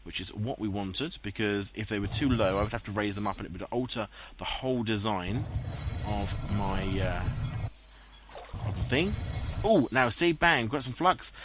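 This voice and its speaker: Over his own gameplay footage, a man with an English accent delivers casual, self-mocking let's play commentary in a fairly low, expressive voice at a moderate pace. Background noise can be heard. He recorded the voice-over afterward in a home room using a headset, and it was dubbed in post-production.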